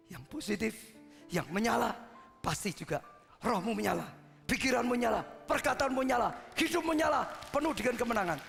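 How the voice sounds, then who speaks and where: A man preaching a sermon with passion, swinging from loud peaks to hushed asides. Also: high voice, vocal fry, long reverb tail. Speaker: pastor.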